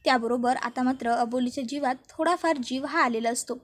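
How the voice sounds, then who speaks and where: A woman narrating a voice-over recap of a television serial episode in a steady storytelling manner. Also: high-pitched, fairly quick. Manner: steady storytelling with many fillers.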